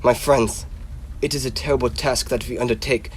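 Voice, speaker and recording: A man's voice: mid-range voice, fairly even intonation, normal speed, slightly rough, close to an everyday voice. A young man in a radio drama playing a grave, insistent professor who hunts vampires, speaking in an emphatic, solemn, theatrical way. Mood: solemn, rousing. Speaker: actor in a school radio drama.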